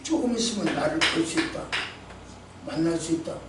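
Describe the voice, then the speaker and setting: A man acting out puzzled male disciples muttering quietly among themselves in a sermon. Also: on the high side, animated, normal speed, very noisy, pitched below the performer's own voice, lightly acted. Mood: baffled. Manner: hushed, baffled muttering. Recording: echoey church hall, distant mic.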